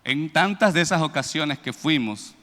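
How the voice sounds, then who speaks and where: A high-pitched man preaches in a big, reverberant hall. His voice is bright and forceful, and he tells a testimony in a lively way, putting on the voices of the people in it. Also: moderate pace. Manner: animated storytelling, acts out quoted voices, builds to loud praise. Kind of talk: sermon with a personal testimony.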